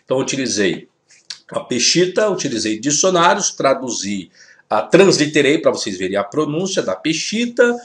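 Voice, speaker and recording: A Brazilian man teaches a theology lesson to camera, reading out Aramaic terms slowly and carefully. His pitch moves a lot as he explains, and he keeps checking in with his viewers, calling them "senhores". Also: big pitch swings. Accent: Brazilian Portuguese. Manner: addresses viewers formally as "senhores". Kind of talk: spoken video lesson on Aramaic texts.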